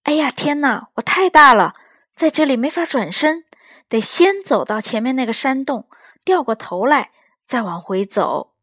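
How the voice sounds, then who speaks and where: A woman voicing a cheerful, friendly patchwork elephant in a children's story, with bright, animated exclamations. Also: sits high, moderate pace, dry recording, studio quality, voice pushed up. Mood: alarmed.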